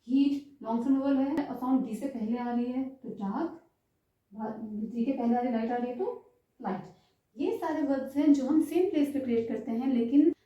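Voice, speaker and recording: A high-voiced woman explains stenography marks slowly, step by step, drawing out the vowels she demonstrates. The recording sounds distant and dull, as if made from across a very echoey room. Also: dark tone. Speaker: stenography teacher. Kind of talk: slow step-by-step lesson, mixing English terms. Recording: roomy, distant, muffled sound.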